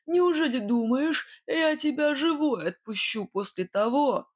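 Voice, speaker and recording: Storybook villain: woman voicing a gruff, blustering robber man, loud and raised in pitch. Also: animated, unhurried, no room sound. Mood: menacing. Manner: blustering, then grim and menacing. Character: gruff boastful male robber whistler. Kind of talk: audiobook character voice.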